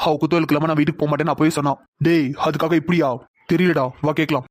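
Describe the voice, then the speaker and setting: A man's voice: a little high, flat delivery, racing, no echo, clean studio sound, close to an everyday voice. A man voicing a cocky, teasing young man in a cartoon. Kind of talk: cartoon voice acting.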